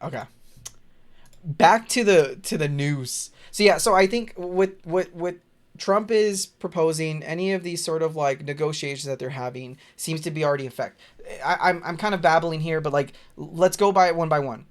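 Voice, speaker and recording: A man's voice: a little high, normal speed. A man casually reading aloud and commenting on the news as a streamer, rambling, stumbling over words, blunt and exasperated, with swearing.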